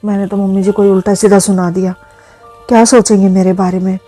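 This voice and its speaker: An actress playing a blunt, snappish young daughter-in-law in a family drama who later turns self-reproaching. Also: female voice, medium pitch, level tone, fairly quick, warm tone, soft background music, close to an everyday voice. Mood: remorseful. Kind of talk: Hindi family drama acting.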